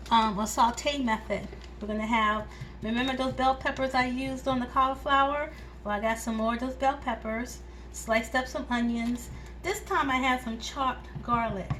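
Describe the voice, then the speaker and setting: A woman with a slightly high voice talks through a recipe in her home kitchen, easygoing and chatty. A faint ambient hum sits behind her. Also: fairly bright tone. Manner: chatty and homey, talks viewers through each step. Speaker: home cooking channel host. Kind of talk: casual cooking demonstration.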